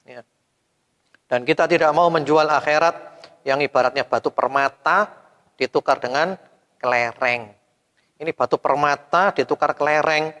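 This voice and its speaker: A male preacher giving a sermon to a women's study group, firing rhetorical questions at his audience, with sudden loud rises and soft, trailing endings. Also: fairly high pitch, moderate pace, long pauses. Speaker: Islamic preacher. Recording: long hall reverb.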